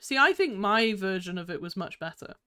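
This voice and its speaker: A woman streamer chatting live with her viewers in a bubbly, giggly, excitable way while playing games. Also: mid-range voice, a little fast, clear, resonant tone. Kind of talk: live gaming stream chat.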